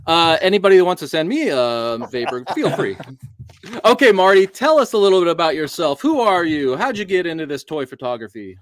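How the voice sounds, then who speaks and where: A man's voice: fairly high pitch, very animated, fairly quick. A man from the United States hosting a casual toy photography talk show, upbeat and playful. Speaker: podcast host. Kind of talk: casual chat.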